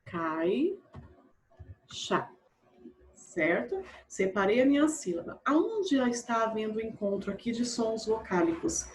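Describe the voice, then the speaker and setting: Patient woman teacher, slightly high voice. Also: lively intonation, slight background noise. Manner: patient, repeats and spells out words slowly; checks in with pupils often. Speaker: primary school teacher. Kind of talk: recorded online grammar lesson.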